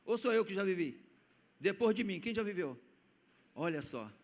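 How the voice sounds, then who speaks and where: A Brazilian pastor with a notably high voice preaches from a church pulpit. He tells a story in a sermon style, dropping to hushed tones and then rising to loud declarations. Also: very animated, normal speed. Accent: Brazilian Portuguese. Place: church sanctuary.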